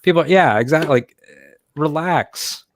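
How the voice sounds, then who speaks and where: A man's voice: on the high side, measured pace, no echo, clean studio sound. A man co-hosting a casual recap podcast, wry and joking. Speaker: podcast co-host. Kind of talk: casual chat.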